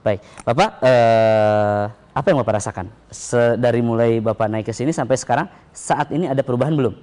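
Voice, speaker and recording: A man's voice: mid-range voice, fairly quick, dark tone. A man who is a religious instructor explains and demonstrates techniques to an audience, speaking to them directly. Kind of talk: training demonstration.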